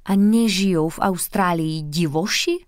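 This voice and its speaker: A woman's voice: fairly low pitch, smooth, dry recording, clean studio sound, close to an everyday voice. A woman voicing a naive, simple-hearted pigtailed schoolgirl. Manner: naive, pleading.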